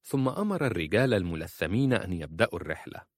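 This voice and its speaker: A man narrating a story as an audiobook, in a measured, even storytelling manner. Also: sits low, dry recording, clean studio sound.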